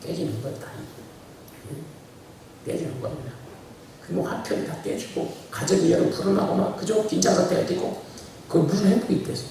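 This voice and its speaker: Male pastor, high and very animated, folksy sermon with shouted peaks, distant mic in a very echoey church. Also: a little fast, creaky, pauses often, a little hiss or hum. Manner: animated preaching, swings from quiet asides to shouting; laughs often, chatty and folksy. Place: church sanctuary. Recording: very echoey church hall, preacher heard from far off.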